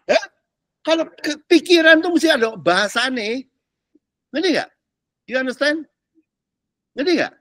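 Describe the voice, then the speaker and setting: Male pastor teaching a casual class, animated and slangy, dry close sound. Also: very high voice, measured pace, long pauses, no echo. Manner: chatty, keeps checking the class understands, drops English words; uses casual Jakarta slang. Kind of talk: informal teaching talk.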